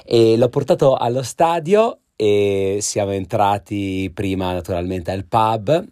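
A hoarse man from Italy telling a story in an animated, emphatic monologue. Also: a little slow. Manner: animated, swooping pitch, emphatic.

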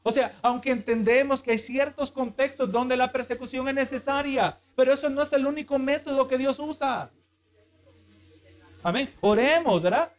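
A man's voice: very high voice, normal speed. A male pastor preaching a sermon, reading scripture aloud and explaining it, with frequent asides of agreement.

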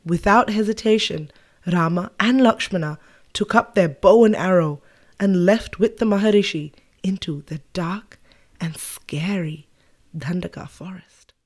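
A woman narrating a children's story, expressive and speaking directly to young listeners. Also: on the low side, unhurried.

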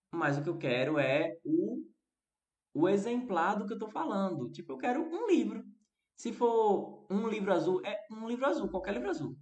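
A man's voice: high voice, a bit bright, roomy sound. A man with a Brazilian Portuguese accent, teaching English on a live stream, explaining step by step, repeating examples and answering viewer comments.

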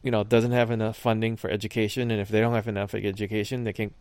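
A man's voice: on the low side, flat delivery, fast talker, a little mellow, clear, resonant tone. A man in casual chat about a film, thoughtful and searching for words with frequent fillers. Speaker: podcast co-host discussing a film.

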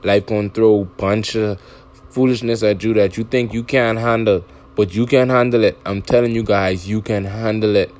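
Low, smooth-voiced man giving motivational talk. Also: steady tone, moderate pace, darkish tone. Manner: repetitive and exhorting, with frequent restarts. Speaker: podcast host. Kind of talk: motivational podcast monologue.

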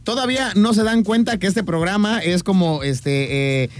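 High-voiced Mexican man reading comments. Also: moderate pace, soft background music. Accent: Mexican Spanish. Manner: joking, slangy, reads names aloud. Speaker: co-host reading viewer comments. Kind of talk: casual livestream chat.

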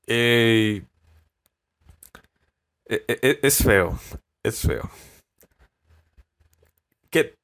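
A young man from Mexico with a Mexican Spanish accent, talking alone on his podcast in a reflective, halting way with many restarts. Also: on the low side, a bit bright. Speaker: podcast host. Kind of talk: reflective solo podcast monologue.

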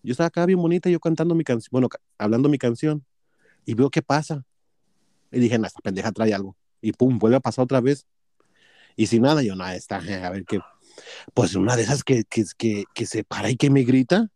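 A man's voice: mid-range voice, brisk, dark tone, dry recording, studio quality. A man with a Mexican accent telling a workplace story in casual chat, profane and gossipy, acting out both sides of a quarrel.

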